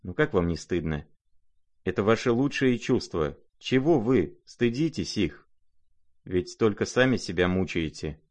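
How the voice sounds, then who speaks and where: A man voicing a gentle, naive young prince who speaks mildly and calmly. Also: lowish voice, a little slow. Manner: mild, calm, soft-spoken.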